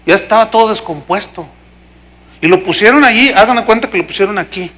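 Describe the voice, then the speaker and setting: A man's voice: high voice, brisk. A middle-aged Mexican man, a pastor preaching a sermon and acting out the voices of people in his stories. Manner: animated storytelling, acting out voices.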